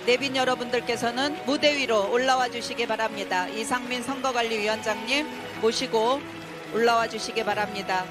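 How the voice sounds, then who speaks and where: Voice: mid-range voice, steady tone, moderate pace. An event host making formal, polite and ceremonious announcements from a convention stage. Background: loud music.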